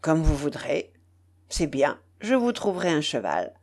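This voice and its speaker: A woman's voice: sits low, sing-song, measured pace, a little mellow, pitched below the performer's own voice, exaggerated voice. A woman voicing a jealous young male officer in an audiobook, speaking brusquely and sulkily. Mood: gruff. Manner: brusque and sulky. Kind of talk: audiobook character voice.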